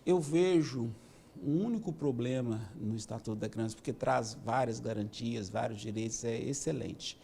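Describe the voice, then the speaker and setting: Mellow-voiced man in his fifties. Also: medium pitch, gravelly, slight background noise. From Minas Gerais, Brazil. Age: 50s. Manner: measured, explanatory, with many "né" tags. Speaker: police chief, interview guest. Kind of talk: interview answers.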